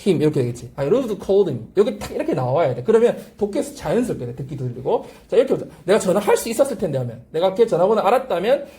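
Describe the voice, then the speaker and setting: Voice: medium pitch, big pitch swings, fast, few pauses, dark tone. An English teacher giving a classroom grammar lecture, drilling pronunciation by repeating phrases and constantly asking the class check-questions. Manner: asks frequent rhetorical check-questions. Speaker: English teacher at a language academy.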